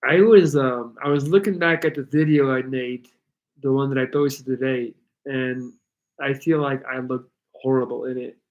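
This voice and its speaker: The highs are cut off in this audio of a man hosting a livestream Q&A, speaking at a moderate pace with a medium pitch. His first language is Dutch, and his casual English rambles a little, shows slightly changed articulation of some sounds, and includes reading the chat aloud.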